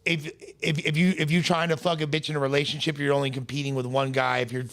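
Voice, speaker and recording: A man's voice: a little high, flat delivery, quick pace, fairly bright tone. A man co-hosting a podcast, crude and argumentative, often repeating his points. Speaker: podcast co-host. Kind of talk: casual podcast banter.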